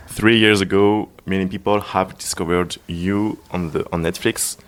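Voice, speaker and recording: Deep guy doing radio interview, smooth voice, short friendly questions. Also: steady tone, measured pace. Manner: friendly, simple questions, brief acknowledgements.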